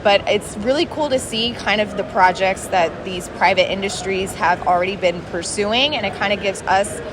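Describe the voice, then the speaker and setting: A woman's voice: medium pitch, normal speed. A young adult woman giving casual, loosely hedged interview answers at a conference event. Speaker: grad student interviewee. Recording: clear background noise of event.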